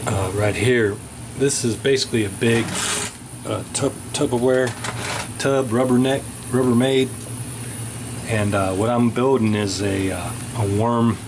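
Rambling folksy man on noisy camera audio. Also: lowish voice. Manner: rambling, folksy, many fillers. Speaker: vlogger. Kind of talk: casual off-the-cuff vlog. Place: indoors at home. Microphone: handheld camera mic.

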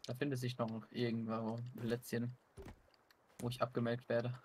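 A man's voice: medium pitch, completely flat delivery, normal speed, darkish tone, a little hiss or hum. A young man chatting casually and teasingly as a co-player in a game stream. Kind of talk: casual gaming chat.

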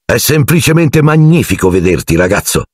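A man's voice: medium pitch, big pitch swings, moderate pace, vocal fry, breathy edge, dry recording, clean studio sound, voice pushed up, heavily acted. A man voicing a cheeky teenage prankster boy with a mock-grand, teasing manner. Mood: mock-cheerful.

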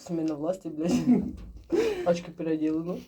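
Woman, Chernihiv-region accent, deadpan joker, dark low tone, small cramped cabin, phone mic. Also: normal speed. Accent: Chernihiv-region Ukrainian with Russian-mixed speech. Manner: joking and wry, swears, drops to a hush when listening. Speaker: vlogger filming on her phone. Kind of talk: casual chat. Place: small stuck elevator cabin.

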